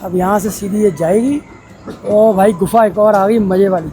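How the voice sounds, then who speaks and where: A man vlogging a mountain toy train ride, talking casually and excitedly to his viewers. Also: sits high, moderate pace, background noise. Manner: chatty, excited, addresses viewers as brothers. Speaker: travel vlogger. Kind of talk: casual travel vlog narration. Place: aboard a mountain toy train and on station platforms.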